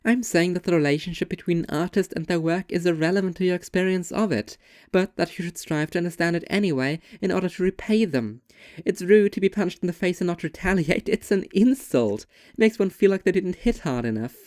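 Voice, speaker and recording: In this scripted literary dialogue, a performer voices an intense, sardonic young adult woman, one of two young women debating art, who makes her case in deliberate, articulate, opinionated sentences, delivered like an argumentative monologue. Her pitch is middling and her tone darkish, close to an everyday voice. The mood is argumentative and sardonic, and the recording is very dry and close, without echo.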